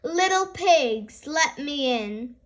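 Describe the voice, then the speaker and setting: A big bad wolf from a children's storybook, played by a woman reading aloud. He is menacing and taunting, stretching out his threats slowly. The voice is very high and swoops up and down. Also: animated. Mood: coaxing.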